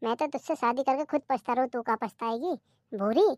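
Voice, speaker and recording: A sleepy, rude cartoon husband who trades mocking insults, as a woman puts him on. The voice stays fairly high and is recorded dry and close. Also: brisk, darkish tone, dry recording, lightly acted. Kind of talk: cartoon comedy voice-over.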